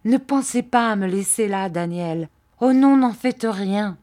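A woman reading aloud, voicing an aging widow who begs with emotion to be taken along, in a slow audiobook delivery. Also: mid-range voice, warm tone, natural voice. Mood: pleading. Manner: imploring, emotional. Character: pleading aging widow, tearful and devoted.

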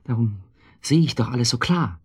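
Playing a guilt-ridden, brooding husband for German radio drama, this male actor speaks haltingly with bitter irony. His husky, gravelly voice sits at medium pitch, animated and a little mellow, and the mood is weary and confessional.

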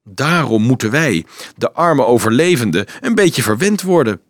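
A man's voice: mid-range voice, moderate pace, no echo. A man voicing a mocking, worldly young male student in an audiobook. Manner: mocking, animated.

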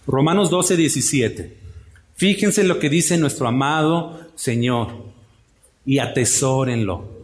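A man's voice: medium pitch, takes it slowly. A man preaching a sermon to women of his church, asking many rhetorical questions and acting out wives' voices. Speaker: pastor. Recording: echoey hall.

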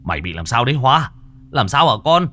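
A man's voice: mid-range voice, very animated, fairly quick, bright, forceful tone, pitched above the performer's own voice. A man voicing a panicked middle-aged father who stammers frantically. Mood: frantic.

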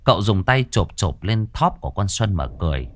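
A man's voice: lowish voice, big pitch swings, a little fast. A man telling a ghost story in a dramatic, suspenseful way.

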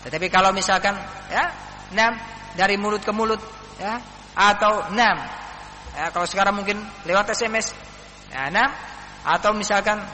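A man giving an Islamic study lesson. He reads Arabic text slowly, then explains it with frequent fillers like "nah" and "ya". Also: high voice, pushed and bright. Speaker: religious teacher. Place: mosque or study hall. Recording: roomy, echoing hall with faint hum.

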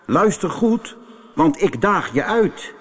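A man's voice: high-pitched, sing-song, slow, vocal fry, slightly rough, pitched above the performer's own voice, exaggerated voice. A man voicing a boastful, lazy, dim-witted male bull in a storybook, with a blustering manner. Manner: bragging, blustering, stammers when stuck.

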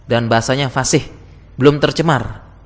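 A man's voice: mid-range voice, steady tone, normal speed. Chatty man lecturing in a reverberant hall. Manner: chatty, asks the audience questions, laughs often. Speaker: teacher giving a talk to Islamic school teachers. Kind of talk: casual lecture.

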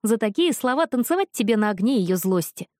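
A woman's voice: fairly high pitch, lively intonation, fairly quick, a little mellow, no room sound, clean studio sound, natural voice. A woman voicing a resolute young woman who speaks firmly and decisively. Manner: firm, decisive. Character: resolute bold young woman, twin sister.

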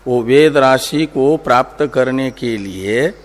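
Slow-speaking male scripture teacher, reverberant hall. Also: medium pitch. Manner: slow, deliberate, recites Sanskrit then explains. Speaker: Vedanta teacher. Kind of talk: scriptural commentary lecture.

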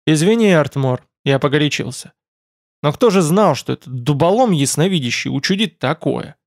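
A man's voice: a little high, lively intonation, moderate pace, gravelly, darkish tone, no echo, clean studio sound. Man doing a volatile, hot-tempered noble lord. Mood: sighing.

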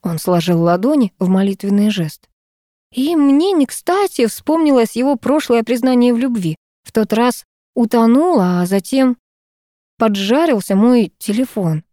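Mellow-voiced woman narrating a novel. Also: a little high, lively intonation, unhurried, no echo, studio quality. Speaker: audiobook narrator. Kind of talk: first-person novel narration.

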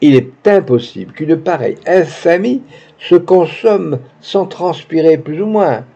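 A man's voice: on the high side, lively intonation, unhurried, vocal fry, dark tone, breathy edge, pitched above the performer's own voice, exaggerated voice. A man reading the lines of a young actress with pompous, gushing phrasing, in a dull lo-fi recording. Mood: scornful. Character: young woman, pretentious theatrical actress.

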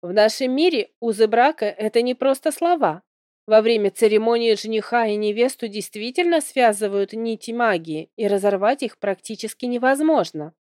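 A woman's voice: fairly high pitch, moderate pace, a little mellow, no room sound, clean studio sound, lightly acted. A woman reading aloud, voicing an eager, cheerful young man companion in an audiobook. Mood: earnest.

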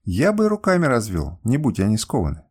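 Expressive male audiobook narrator. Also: fairly low pitch, brisk, slightly rough. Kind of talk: first-person audiobook narration.

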